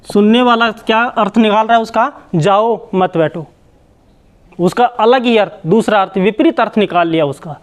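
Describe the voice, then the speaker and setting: Male teacher with a high voice, explaining a grammar lesson step by step and repeating himself. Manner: slow, repetitive explaining with many restarts. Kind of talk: Hindi grammar lesson at a board.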